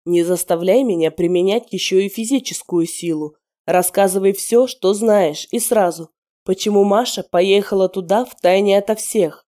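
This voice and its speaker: A woman's voice: medium pitch, normal speed, warm tone, close to an everyday voice. A woman voicing a stern young male werewolf interrogator who speaks in curt, commanding orders, in an audiobook.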